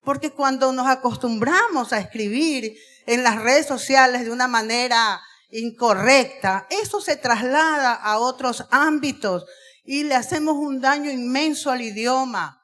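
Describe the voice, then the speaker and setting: Woman, guest talk to students, slightly high voice, slow, drawn-out delivery. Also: a bit bright. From Ecuador. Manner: deliberate, stretches key words, asks the audience questions. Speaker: guest speaker on Spanish usage. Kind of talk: school auditorium talk to students. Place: school auditorium.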